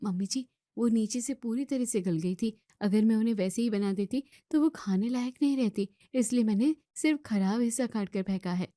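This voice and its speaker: A woman voicing a meek, gentle young daughter-in-law who explains herself softly in a cartoon story. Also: on the high side, normal speed, few pauses, no room sound, clean studio sound, close to an everyday voice. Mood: explaining.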